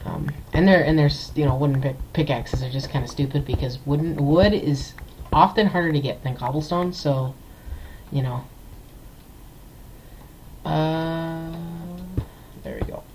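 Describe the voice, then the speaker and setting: A man's voice: a little high, unhurried, darkish tone, a little hiss or hum, poor audio. Rambling young man narrating gameplay. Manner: rambling, filler-heavy, restarts sentences. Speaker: gameplay video host. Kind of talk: casual let's-play commentary.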